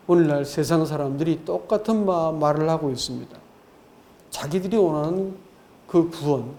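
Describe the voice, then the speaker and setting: Male pastor, mellow and fairly high-pitched, preaching with emphasis and direct address to the flock. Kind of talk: sermon.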